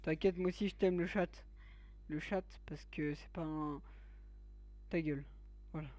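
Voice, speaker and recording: A man's voice: a little high, steady tone, moderate pace, warm tone, dull audio. A man giving let's play commentary, joking crudely and teasing his viewers. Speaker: gaming YouTuber.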